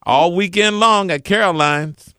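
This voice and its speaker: Smooth, unhurried male radio host. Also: high voice, pushed and bright, dry recording, clean studio sound.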